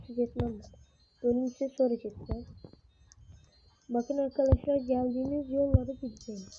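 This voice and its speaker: High-pitched female game commentator, jumpy and panicky, muffled recording over loud background music. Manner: excitable, panicky exclamations, repeats words. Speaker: gaming channel host. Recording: dull lo-fi with music behind.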